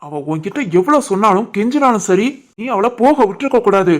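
A woman voicing a young husband and son in an animated family drama, scolding and stern, with a Tirunelveli Tamil accent. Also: medium pitch, fairly quick, natural voice. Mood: angry. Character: young husband and son, short-tempered man.

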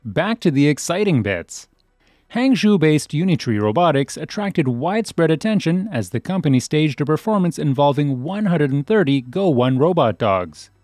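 A man reading a scripted news voice-over in a formal, even delivery. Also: a little high, moderate pace, no room sound, studio quality, faint music behind. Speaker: news narrator.

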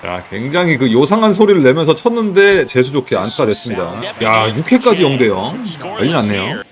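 A Korean man streaming a baseball video game, giving casual play-by-play commentary with sudden excited exclamations. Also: medium pitch, a little fast, crowd noise. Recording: game music playing behind.

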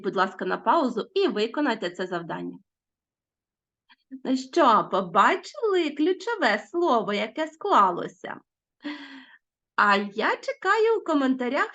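A woman teacher giving a recorded lesson to children, reading proverbs aloud with expressive, lilting emphasis. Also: fairly high pitch.

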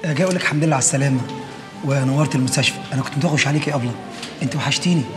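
A man's voice: medium pitch, racing, over music, lightly acted. An actor playing an awkward, fawning young man with an Egyptian accent.

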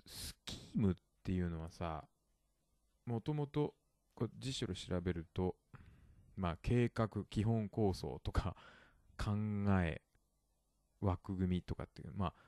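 A man's voice: deep voice, lively intonation, unhurried, darkish tone, dry recording. A man hosting a casual podcast, explaining English words in Japanese and stopping to explain pronunciation. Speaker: podcast host. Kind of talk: bilingual casual chat. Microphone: studio podcast mic.

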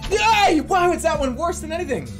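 A man's voice: extremely high pitch, lively intonation, moderate pace, over music. A man in his thirties screaming in fear as he reacts to a horror game on a live stream. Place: small room at home, indoors.

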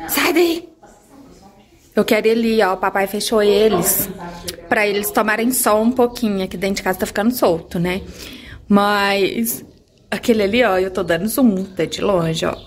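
A woman's voice: fairly even intonation, moderate pace. A woman vlogging casually, chatting to her viewers and often checking in with them. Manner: slips into high baby talk with her pet birds. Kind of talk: casual vlog chat to viewers.

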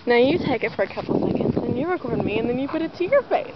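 A young woman chatting playfully and excitably while jumping on a trampoline, recorded on a handheld camera outdoors. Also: fairly high pitch, quick pace. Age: young adult. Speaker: amateur vlogger. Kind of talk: casual playful chat. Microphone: handheld camera at arm's length. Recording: dull, noisy outdoor handheld camera audio.

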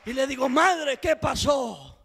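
A male pastor giving a fervent preaching testimony, rising into shouted, half-sung climaxes and acting out the people in his story. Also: very high-pitched, very animated, unhurried, gravelly, some chatter behind, slight background noise.

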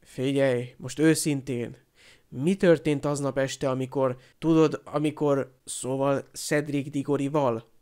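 A man voicing a resentful teenage boy who hisses and shouts his outbursts. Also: fairly high pitch, close to an everyday voice. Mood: hostile.

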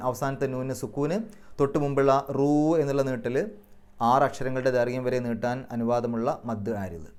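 A man's voice: medium pitch, darkish tone, smooth. A man with a Kerala Malayalam accent giving a patient, step-by-step Quran grammar and recitation lesson. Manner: patient, explains step by step, chants verses slowly. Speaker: Quran teacher.

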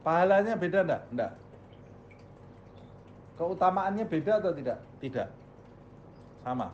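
A man's voice: on the high side, big pitch swings, a little slow, lo-fi sound, a little hiss or hum. A male Islamic teacher giving a religious study lecture, posing questions to the audience and answering them himself.

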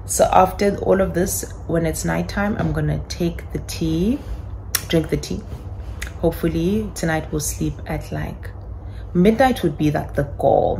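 Young woman, low gravelly voice, soft and weary, casual vlog talk, small apartment, faint hiss. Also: poor audio. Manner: soft, tired, self-soothing. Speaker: vlogger.

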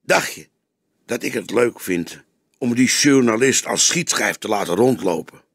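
A man voicing a stern, grey-haired old male detective who speaks firmly and deliberately. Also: medium pitch, lively intonation, fairly bright tone, no room sound, clean studio sound. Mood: patient. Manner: firm, measured, stern.

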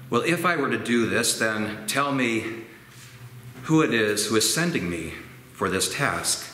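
A man in his sixties preaching a sermon slowly and gently in a church sanctuary, gesturing as he reflects. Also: lowish voice. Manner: slow, gentle and reflective, with expressive hand gestures. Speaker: pastor. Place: church sanctuary with organ pipes. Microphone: fixed camera at medium distance. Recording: roomy church echo, faint ambient noise.

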